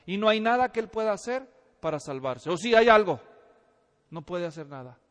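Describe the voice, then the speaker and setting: A man preaching a sermon, telling a story in a lively way, acting out the voices and asking the congregation questions. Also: high voice, moderate pace. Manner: animated storytelling, acts out voices, asks the audience questions. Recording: reverberant hall.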